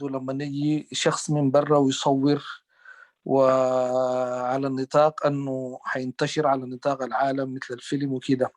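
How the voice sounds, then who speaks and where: A man's voice: mid-range voice, dry recording. A man with a Sudanese Arabic accent, an audience member asking a question at a panel, searching for words as he goes.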